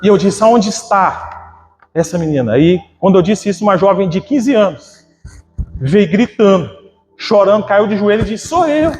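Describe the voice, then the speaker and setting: A man's voice: high-pitched, normal speed, darkish tone. A man preaching a fervent sermon, telling a personal testimony and often calling the listeners brother. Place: church. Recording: reverberant church hall with faint music.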